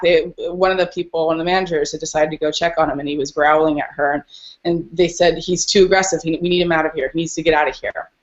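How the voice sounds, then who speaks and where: A woman with a lowish voice, heard through dull audio, appears as a podcast guest and dog rescuer. In a casual interview, she tells stories in a relaxed yet earnest manner.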